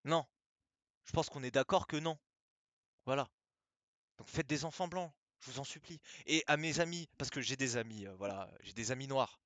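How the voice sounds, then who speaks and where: A man's voice: medium pitch, moderate pace, long pauses, a bit bright. Guy ranting solo, dry sound no room echo, keeps repeating himself and asking questions. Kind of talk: casual monologue rant.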